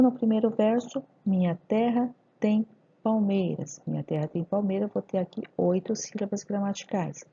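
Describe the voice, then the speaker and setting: Gravelly-voiced woman teacher. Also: fairly low pitch, warm tone, muffled recording. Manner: slows down to sound out lines of verse syllable by syllable. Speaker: literature teacher. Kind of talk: recorded classroom lesson.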